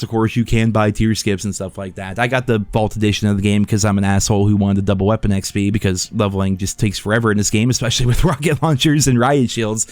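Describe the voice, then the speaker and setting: A man's voice: mid-range voice, dry recording. A man giving casual game review commentary as a video host, blunt and sweary, with a sarcastic, scathing critical edge.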